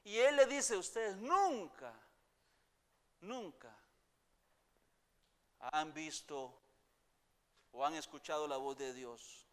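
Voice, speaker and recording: Slow, high-voiced man preaching in a reverberant church. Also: expressive. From Costa Rica. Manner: dramatic swings from loud declaiming to hushed near-whispers; repeats phrases for emphasis, addresses the congregation as brothers. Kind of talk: sermon.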